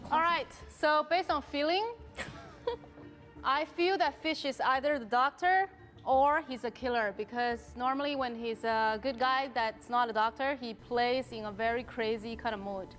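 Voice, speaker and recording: A woman with a fairly high voice casually weighs up the other players in a game. Faint music plays behind her. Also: measured pace, a bit bright. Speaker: player in a social deduction game show. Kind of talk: casual analysis during a game.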